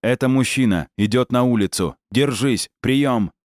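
Man reading tough cop, barking commands, urgent, deep voice, dry close audiobook sound. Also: animated, takes it slowly, darkish tone, dry recording. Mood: urgent, commanding. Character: tough male police officer, urgent and commanding.

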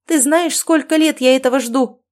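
A woman voicing a loud, excitable, bossy middle-aged mother in an audiobook, scolding at a high, shouting pitch. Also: moderate pace, lightly acted. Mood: indignant. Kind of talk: audiobook character voice.

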